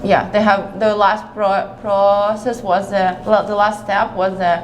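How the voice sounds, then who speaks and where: A woman's voice: medium pitch, level tone, a little slow, a little hiss or hum, poor audio. A woman in her thirties from Kazakhstan, answering interview questions casually, with many hesitations and restarts. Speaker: guest.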